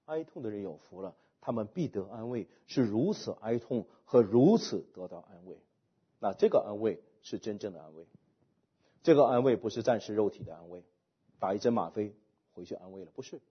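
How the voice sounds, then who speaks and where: Husky-voiced man preaching with lively pitch. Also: brisk, muffled recording. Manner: emphatic preaching with rhetorical questions, trailing off softly at phrase ends. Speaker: pastor. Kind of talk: sermon.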